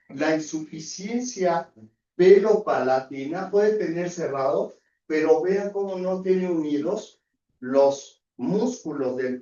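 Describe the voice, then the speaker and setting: A man's voice: on the high side, warm tone. A man with a Mexican Spanish accent, a surgeon giving a university anatomy lecture, constantly checking in with rhetorical questions. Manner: peppers talk with rhetorical questions, tag checks. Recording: echoey distant dull lecture hall audio.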